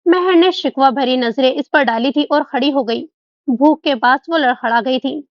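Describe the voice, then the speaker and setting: A woman narrating an audiobook novel in a steady reading manner. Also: high voice, moderate pace, dry recording. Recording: dull dry recording.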